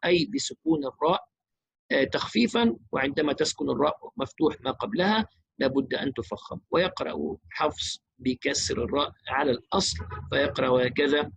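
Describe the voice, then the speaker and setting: Husky man teaching Quran recitation. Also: on the high side, lively intonation, fairly bright tone, dry recording. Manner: explains quickly, then recites verses slowly in melodic chant. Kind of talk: recitation lesson with chanted verses.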